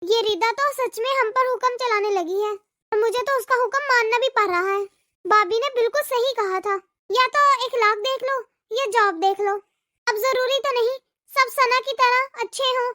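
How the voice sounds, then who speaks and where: A woman's voice: very high-pitched, normal speed, pushed and bright, dry recording, studio quality. A woman voicing an anxious middle-aged mother-in-law in a cartoon, fretting and musing aloud to herself. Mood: worried.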